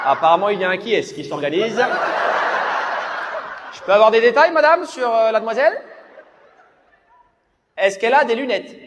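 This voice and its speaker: Lively, high-pitched southern French male comedian. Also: moderate pace, pauses often. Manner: teasing, mocking, echoes audience answers back. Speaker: stand-up comedian. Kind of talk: improvised stand-up crowd work. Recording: live comedy room, loud crowd laughter and noise. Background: audience laughing and loud room noise.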